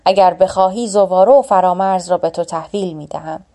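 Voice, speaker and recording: A woman's voice: on the low side, warm tone, close to an everyday voice. A woman reading the lines of an aging, weary male hero in a storybook tale, in a sober, resigned way. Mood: grave.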